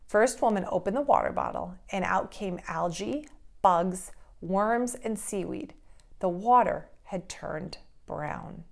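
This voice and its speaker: A preschool teacher, a woman, reading a folktale aloud to children in an expressive storytelling manner. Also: medium pitch, gravelly. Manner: expressive, slow storytelling pace.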